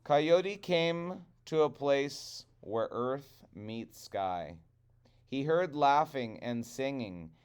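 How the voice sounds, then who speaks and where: A man telling a trickster tale as a storyteller, with deliberate, dramatic phrasing. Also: medium pitch, expressive, smooth.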